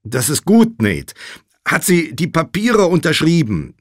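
A man voicing a worried man on a phone who shouts and pleads urgently. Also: medium pitch, sing-song, measured pace, dry recording, clean studio sound, pitched above the performer's own voice. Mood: frantic.

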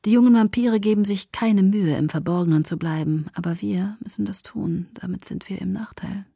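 A woman voicing a grim young male vampire soldier in a hushed, breathy whisper, brooding and slow, in an audiobook reading. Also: medium pitch, no room sound, studio quality. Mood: grave.

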